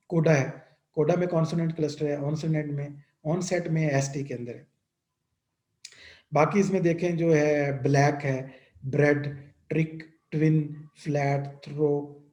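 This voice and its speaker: A man's voice: fairly high pitch, mellow, reverberant. A man teaching linguistics. He explains each point step by step, often stops to check that the listener follows, and reads terms. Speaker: linguistics lecturer. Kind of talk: explanatory lecture mixing Hindi-Urdu and English.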